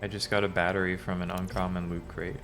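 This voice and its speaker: A man's voice: sits low, flat delivery, fast talker. A man giving casual, laid-back gameplay commentary, musing aloud as he plays. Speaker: gamer doing a playthrough. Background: game music.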